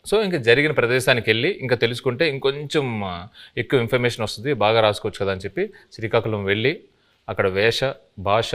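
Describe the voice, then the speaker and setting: A man, a film director, recounting how a film came about in a promo interview, brisk with joking asides. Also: medium pitch, fairly even intonation, a bit bright.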